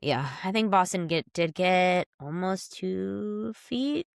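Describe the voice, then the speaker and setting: Casting: woman podcast co-host, low voice, smooth tone, a bit stuffy and nasal, chatty. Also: slow, dry recording, studio quality. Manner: chatty, animated storytelling. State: nasal from a cold. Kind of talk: casual sports chat.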